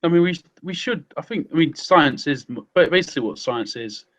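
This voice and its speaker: A man's voice: fairly high pitch, animated, normal speed. A man co-hosting a casual podcast chat, who hedges and fills his thoughts with ums and restarts. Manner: hesitant, many ums and restarts. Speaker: podcast co-host.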